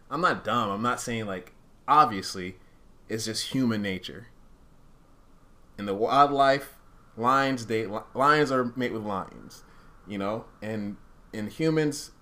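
This man's voice sits fairly low with a slightly bright quality. Co-hosting a podcast, he talks casually and candidly, thinking out loud and frequently hedging as he works through his points. He was born in Uganda and raised in Rwandan culture.

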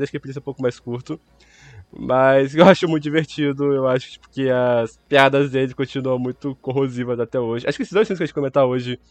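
A man's voice: medium pitch, dry recording. A Brazilian man co-hosting a casual, opinionated film podcast, his voice affected by flu and an inflamed, swollen throat. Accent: Brazilian Portuguese.

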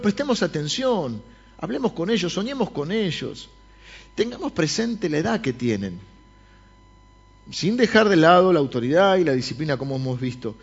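Male pastor with a Rioplatense accent, higher voice, preaching to the congregation, dull recording. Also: breathy edge. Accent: Rioplatense Spanish. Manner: lively, speaks directly to the congregation. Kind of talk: sermon. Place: church service.

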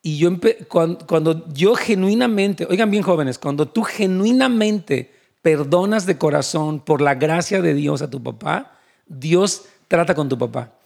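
Guy preaching to youth, fairly high voice, earnest storytelling. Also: measured pace, creaky, darkish tone. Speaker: pastor. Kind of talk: youth sermon with testimony.

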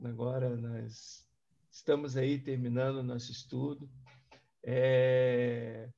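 A man's voice: mid-range voice, little pitch movement, slow, gravelly, dark tone. Affectionate man leading a study group. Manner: affectionate, exclamatory, reacts with "nossa". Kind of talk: casual group chat. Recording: dull lo-fi sound.

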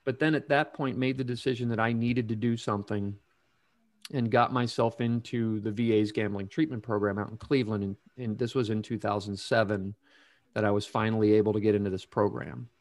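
A middle-aged man telling his own story in a casual interview, slow and reflective with many ums and restarts. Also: on the low side, steady tone, a little mellow, no room sound. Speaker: guest sharing recovery story.

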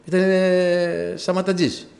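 A man preaching a sermon, telling stories and addressing the congregation directly in an animated way. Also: high voice, vocal fry. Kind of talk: sermon with storytelling.

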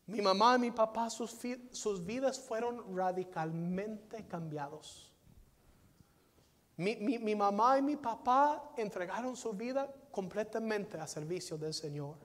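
Unhurried and expressive, a high-voiced American pastor delivers a sermon inside a big, echoing hall. He preaches dynamically, moving between soft and loud passages and repeating phrases.

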